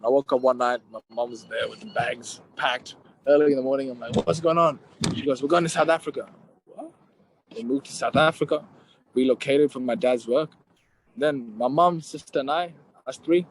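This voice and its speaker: A young man from Kenya, a rapper, telling stories in a relaxed, joking way in a casual podcast chat. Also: medium pitch, slightly rough, rough recording. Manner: laid-back, joking storyteller. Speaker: guest rapper.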